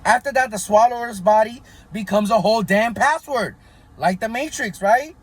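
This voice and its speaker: A man's voice: high voice, normal speed, breathy edge. A man hosting a casual commentary vlog, talking in a conspiratorial tone and constantly checking in with his viewers. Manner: conspiratorial, keeps asking "right?" and hedging "allegedly". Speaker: channel host.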